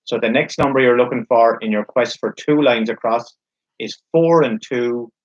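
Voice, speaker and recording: A man calling bingo, announcing each number in a measured, formulaic way, digit by digit and then in full. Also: medium pitch, fairly even intonation, slight background noise. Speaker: bingo caller and host. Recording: dull, lo-fi sound.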